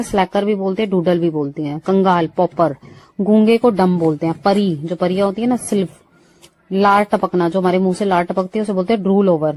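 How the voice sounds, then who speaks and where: A woman's voice: medium pitch, dark tone. A woman with an Indian accent teaching English vocabulary, listing words and glossing each one in Hindi before giving the English. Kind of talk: vocabulary lesson.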